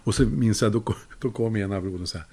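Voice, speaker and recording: A man's voice: fairly low pitch, mellow. Older man telling a chuckling anecdote. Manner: chuckling, acts out quoted voices. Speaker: storyteller. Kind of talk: casual anecdote.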